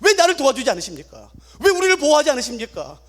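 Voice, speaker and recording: A man's voice: very high-pitched, very animated, quick pace, voice pushed up. A man voicing a persecuted believer who cries out to God in anguish. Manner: anguished, imploring.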